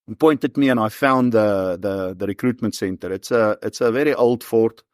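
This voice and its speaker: Speaking at a moderate pace with a low, clean-toned voice, this former soldier turned professional hunter recounts stories casually as an interview guest. He's in his forties with a South African accent, and the studio recording is clean and echo-free.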